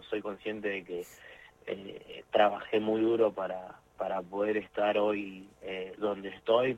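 Young man, Argentine accent, lowish voice, hesitant fillers, dull lo-fi radio sound. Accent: Argentine Spanish. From Tierra del Fuego, Argentina. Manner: hesitant, many fillers and restarts. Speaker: jiu-jitsu competitor. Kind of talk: interview answers.

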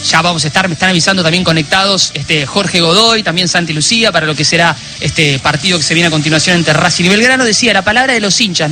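A man with an Argentine accent hosting a live sports radio show, linking segments in chatty talk full of fillers. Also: fairly high pitch. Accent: Argentine Spanish. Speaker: studio radio host.

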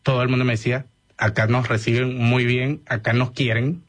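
He's a doctor in his thirties, Venezuelan by accent, talking as a guest on a radio interview. His voice is medium in pitch with little movement, and his measured speech is full of hesitations.

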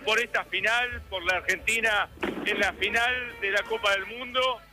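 A man reporting live for radio from a crowded city square, asking passers-by quick questions. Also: high-pitched, steady tone, music in the background, low-quality recording. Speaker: street reporter.

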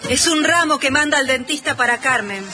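A woman's voice: high voice, a little fast, loud music behind the voice, lightly acted. A woman playing a naive, grumbling young woman of the household, whiny and reluctant, with a Rioplatense Argentine accent.

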